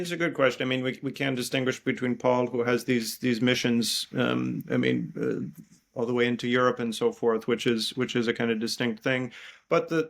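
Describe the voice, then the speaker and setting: This guest, a biblical scholar and priest, answers interview questions in an academic way, his middling-pitched voice carrying a gravelly fry. He speaks English as his first language and thinks out loud haltingly, circling back to repeat words while rephrasing.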